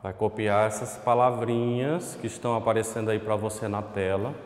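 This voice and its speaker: A male primary school teacher with a Brazilian accent gives an online lesson at a whiteboard. He speaks patiently to the pupil at home, draws out words for dictation and checks in with "ok?". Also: mid-range voice. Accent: Brazilian Portuguese. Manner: addresses the pupil at home, asks "ok?". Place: classroom with a whiteboard. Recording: echoey room with long reverb.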